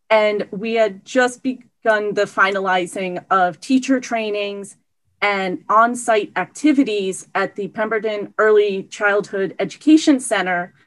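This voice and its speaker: A woman giving a prepared award acceptance speech over a video call, earnest and steady. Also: mid-range voice, rough recording. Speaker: award recipient.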